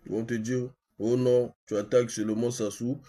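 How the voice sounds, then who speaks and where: This online activist host from Congo talks insistently through a colloquial live-stream monologue with a phone call, repeating himself and asking rhetorical questions. His husky, Congolese-accented voice is medium in pitch and dark, with a level tone at normal speed.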